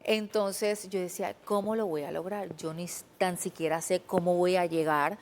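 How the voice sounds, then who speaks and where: A woman in her thirties from Puerto Rico, a TV journalist, earnestly relates her story as a studio interview guest, speaking with a Puerto Rican Spanish accent. Her voice is fairly low and her pace moderate. She is animated and recalls her past thoughts in quotation.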